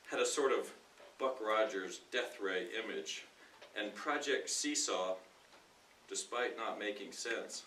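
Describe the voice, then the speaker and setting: A man giving a deliberate, emphatic reading of nonfiction to a live audience, pausing between short phrases. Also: medium pitch, sharp tone. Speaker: speaker in a dramatic reading contest. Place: indoor room at a speaking club meeting. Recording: roomy, distant mic with faint noise.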